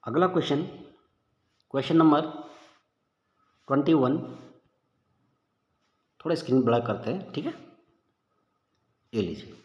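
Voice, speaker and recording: This exam-prep teacher is informal and talkative, saying "bhai" to listeners as he thinks through the questions aloud. He has a mid-range voice with lively intonation, a measured pace and frequent pauses, and the sound is dull and lo-fi with long room reverb.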